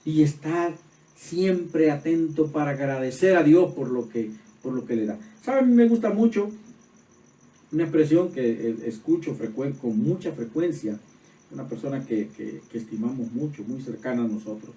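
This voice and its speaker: A man preaching a sermon as pastor, swinging from soft reflective passages to loud emphatic peaks. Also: medium pitch, moderate pace. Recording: roomy echo, voice from far off.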